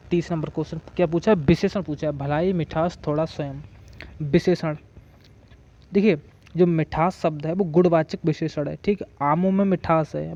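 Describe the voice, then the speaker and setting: Asking questions only to answer them himself, a man with a slightly high, mellow voice leads a grammar lesson for exam preparation, saying "okay" over and over to check in. The sound is dull and lo-fi.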